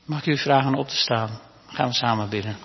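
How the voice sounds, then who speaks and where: A man preaching a sermon to his congregation in a church, talking warmly and conversationally, asking them questions and sometimes restarting his words. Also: medium pitch, fairly quick, gravelly, a little hiss or hum. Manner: stammering restarts. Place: church hall. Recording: reverberant hall, dull lo-fi sound.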